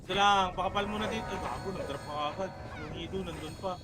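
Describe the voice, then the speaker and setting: A man leading his team in a game, calling out rapid countdowns and commands, cursing between calls. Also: sits high, music in the background, low-quality recording. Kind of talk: live team callouts while gaming.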